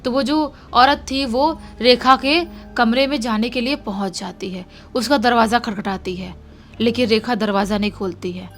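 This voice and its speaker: A woman's voice: a little high, moderate pace, fairly bright tone, soft background music. A woman narrating a horror story in a casual, conversational way, repeating lines for emphasis.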